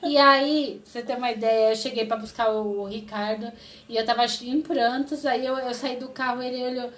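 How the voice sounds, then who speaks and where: A Brazilian woman in her thirties telling an emotional personal testimony as an interview guest, lively and acting out what people said. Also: a little high, a little fast, slight background noise. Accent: Brazilian Portuguese. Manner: lively, acts out quoted voices, laughs often.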